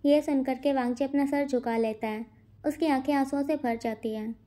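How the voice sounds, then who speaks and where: High-voiced woman narrating a story. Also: steady tone, normal speed, dark tone. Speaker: fanfiction narrator.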